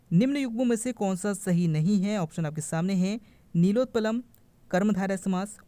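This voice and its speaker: Mellow-voiced man tutoring exam grammar. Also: high-pitched, dry recording. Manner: reads each answer option methodically, then explains it; calls the viewers friends and stresses what to remember. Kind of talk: online quiz-style lesson.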